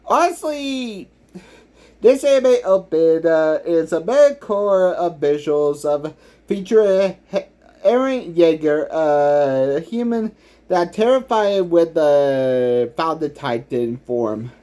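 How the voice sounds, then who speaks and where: A man giving unscripted commentary as a YouTuber, halting and filling nearly every pause with "uh" as he restarts his sentences. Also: fairly high pitch, lively intonation, warm tone. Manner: halting, full of "uh" fillers and restarts. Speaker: YouTuber ranking villain songs.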